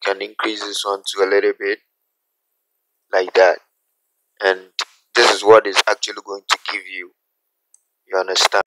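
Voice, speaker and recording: A man teaching a graphic design software tutorial, talking through each step slowly and checking in with "okay?" as he goes. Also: lowish voice, no room sound, poor audio. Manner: unhurried, repeats steps, asks "okay?" often. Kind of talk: screen-recorded software tutorial.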